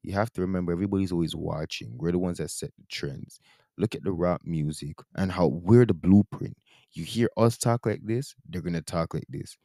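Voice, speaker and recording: A man speaks in a low, mellow voice with a Toronto slang accent touched by Caribbean speech. He comments casually and with strong opinions, repeating points for emphasis. The recording is close and dry. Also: a little fast, no room sound. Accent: Toronto, with Caribbean-influenced slang. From Toronto, Canada. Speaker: commentary video host.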